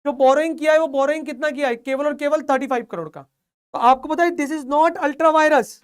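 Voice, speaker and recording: A young man teaching an online lecture, excited and playfully scolding his students, mixing Hindi and English. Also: very high voice, quick pace.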